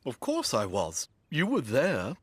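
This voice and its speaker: A man's voice: mid-range voice, huge pitch swings, measured pace, breathy edge, no echo, exaggerated voice. A man voicing an anxious, fretful young cartoon monster brother. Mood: worried. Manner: fretful, worried. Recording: cartoon with loud music behind.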